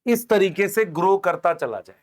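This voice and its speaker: A man teaches biology to exam students in a fairly high voice. He keeps asking the class short questions, answers them himself, and calls the students "beta". He talks through his board drawings step by step. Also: very animated, moderate pace. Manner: explains while drawing on a board, points with "idhar dekho". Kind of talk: online exam-prep lecture, Hindi mixed with English terms.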